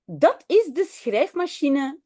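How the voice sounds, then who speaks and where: A woman's voice: sits high, big pitch swings, slow pace, warm tone, pitched above the performer's own voice, heavily acted. A woman voicing a small, eager and slightly naughty boy in a children's storybook.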